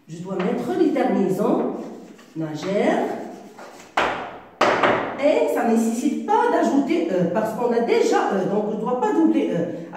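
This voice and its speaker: A woman's voice: on the high side, mellow. A woman teaching a grammar lesson to a primary class, explaining step by step and asking questions as she goes. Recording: echoey room, voice from far off.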